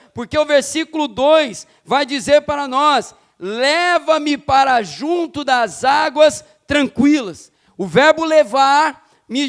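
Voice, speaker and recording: A man preaching an impassioned evening church sermon, rising to shouts and slowing down for emphasis. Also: very high-pitched. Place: church sanctuary.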